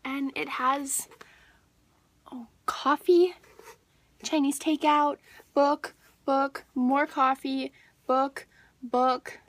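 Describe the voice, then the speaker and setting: Here a young woman vlogs about books in a casual, gushing way, leaning on dramatic emphasis and dropping into whispers. She speaks with a high pitch, very slowly, pausing often.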